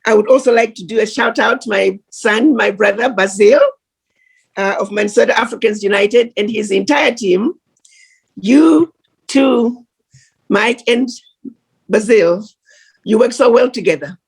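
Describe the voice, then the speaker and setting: A woman speaking at a virtual conference, delivering an earnest, measured address over a video call. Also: a little high, gravelly, slightly rough. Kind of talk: formal address.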